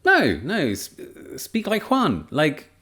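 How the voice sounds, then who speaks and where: A teacher trainer presents a research study in a casual, chatty lecture, full of enthusiasm, fillers, and restarts. His voice is fairly high and bright, forceful in tone, swinging hugely in pitch while he speaks slowly.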